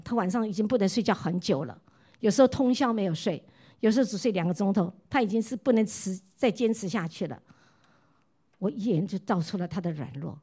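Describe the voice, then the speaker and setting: A middle-aged woman from Taiwan, a pastor's wife preaching a sermon, who keeps asking her listeners questions and tells her own stories in a warm voice that often drops soft. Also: medium pitch, breathy edge. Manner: asks the listeners repeated questions. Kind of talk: sermon with personal testimony.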